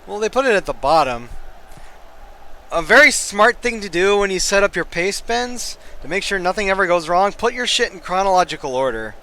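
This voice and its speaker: A man's voice: high-pitched, big pitch swings, fairly quick, pushed and bright. A tired, yawning man giving casual, joking commentary over a live-streamed football game, with rambling asides. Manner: jokey, rambling asides, laughs often. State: sleepy, yawning.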